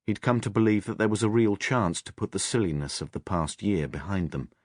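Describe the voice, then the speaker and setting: A man narrating a crime novel audiobook in a measured, expressive storytelling manner. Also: low voice, no echo, clean studio sound.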